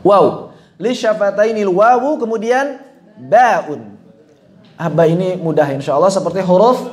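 Man, tajwid teacher, high voice, unhurried delivery, repeats each sound for the class. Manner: demonstrates sounds slowly and repeatedly, coaxing students to repeat. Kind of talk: live classroom lesson on Quranic letter pronunciation. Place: training hall, in front of a class.

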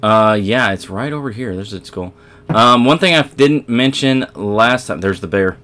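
A man with a low voice hosts a casual let's play, talking straight to his viewers as he plays. He rambles and corrects himself mid-sentence, filling gaps with easygoing chatter. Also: lively intonation, moderate pace, bright, forceful tone. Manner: rambling, self-correcting, talks to viewers while playing. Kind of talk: casual gameplay commentary.

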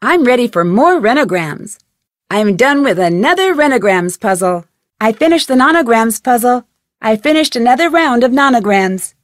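A woman with a slightly high voice plays a curious, polite young amateur detective in a video game, asking questions in a friendly, clearly articulated way. These are single scripted lines, recorded with clean studio sound and no echo.

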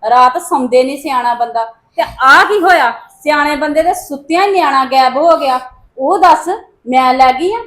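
Woman doing a high-voiced young wife, defensive, pleading, family drama. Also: normal speed, fairly bright tone. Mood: indignant. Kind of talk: amateur family drama acting.

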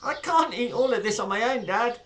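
A man voicing a spirited, kind little girl with an eager, high, childlike manner, as a storybook character. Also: animated, a little fast, a bit bright. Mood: calling out.

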